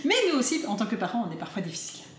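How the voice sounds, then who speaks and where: A woman's voice: mid-range voice, very animated, racing. A middle-aged woman, a mother and vlogger, chatting casually with her family and laughing often. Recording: echoey with faint noise.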